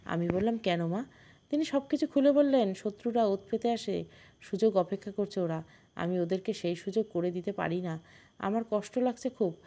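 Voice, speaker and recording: A woman's voice: mid-range voice, mellow. A woman narrating an emotional first-person audio story in an earnest tone.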